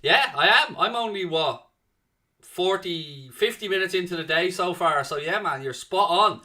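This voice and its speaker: A young Irish host with a South Dublin accent runs a football watchalong stream, casually reading and reacting to viewer comments. His voice sits high and moves at a normal speed. He's bright, talkative and jokey, calling viewers "mate" and "man."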